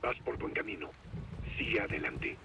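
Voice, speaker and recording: An actor playing a gruff, terse special forces soldier in a video game, low and gravelly, heard over a field radio. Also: male voice, moderate pace, a crowd in the background. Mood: calm, focused. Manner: terse, dry deadpan. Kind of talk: video game voice acting in Spanish dub. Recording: radio voice under game gunfire noise.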